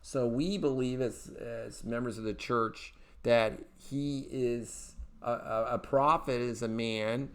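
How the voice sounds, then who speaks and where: A man's voice: medium pitch, steady tone, slow, few pauses. A man hosting a political commentary show, talking in a rambling way with many fillers and restarts. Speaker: podcast host.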